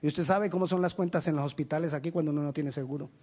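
A man from Colombia preaching a sermon as a pastor, emphatic and direct, with rhetorical questions and lively stories. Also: on the high side, husky. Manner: animated storytelling with quick asides.

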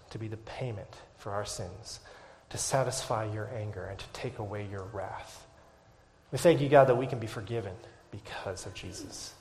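A male pastor with a lowish, gravelly voice preaches to his church over a slight hiss or hum. His lines shift from soft whispers to loud, fervent climaxes, and he wraps up in prayer.

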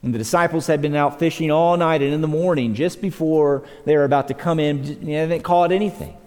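A man preaching a sermon, his somewhat high voice swelling and sinking as he presses each point. He restarts words as he goes, earnest and emphatic. The sound carries a long reverb, as from a church hall. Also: fast, a little mellow. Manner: earnest, repeats words, rises and drops in pitch for emphasis. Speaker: pastor.

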